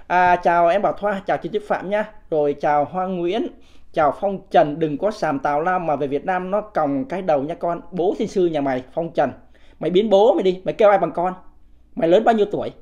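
A man's voice: fairly high pitch, a little mellow, highs cut off. Combative man in his fifties. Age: 50s. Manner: combative, scolds viewers in blunt coarse language; rhetorical, keeps asking the audience "right?". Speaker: livestream political commentator. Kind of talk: off-the-cuff livestream commentary.

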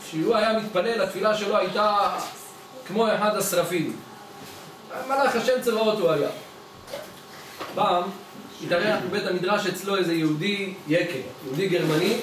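A rabbi teaching a Torah lesson through stories, slipping into the voices of the people in them. His voice sits fairly high. He sounds echoey and set back from the mic, with a faint noise underneath. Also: fairly bright tone, recorded from a distance. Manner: acts out dialogue in his stories with changing voices.

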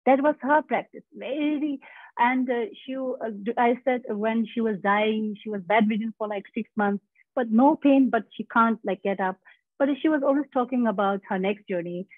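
A woman whose first language is Tibetan, a guest doctor telling personal stories slowly and haltingly, often searching for words. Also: on the high side, dry recording. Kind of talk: personal storytelling in a talk. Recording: husky, tinny phone-like line.

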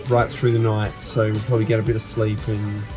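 A man's voice: fairly low pitch, monotone, fairly quick. A young Australian man filming a casual travel vlog with a handheld camera, laughing often. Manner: laughs often, chatty and upbeat. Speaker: travel vlogger. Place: apartment, bus, border checkpoint. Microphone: handheld camera at arm's length. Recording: background music.

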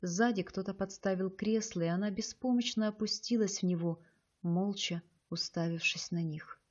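A woman narrating an audiobook with a measured, expressive reading. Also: medium pitch, muffled recording.

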